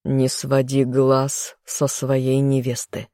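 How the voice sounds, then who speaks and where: A reader voicing a stern older king and father who speaks slowly and gravely, in an audiobook. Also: mid-range voice, completely flat delivery, warm tone, no room sound, clean studio sound. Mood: weary. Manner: slow, grave, commanding. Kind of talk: audiobook character voice.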